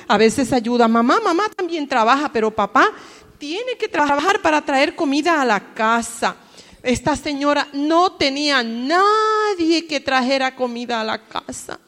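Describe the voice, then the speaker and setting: Animated woman telling children a Bible story. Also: high voice, in a large hall. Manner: animated, addressing children by name.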